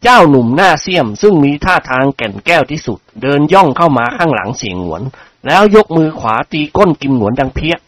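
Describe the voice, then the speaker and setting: A man narrating a story aloud in a lively, expressive reading style. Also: on the high side, quick pace, few pauses, no room sound. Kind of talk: audiobook storytelling.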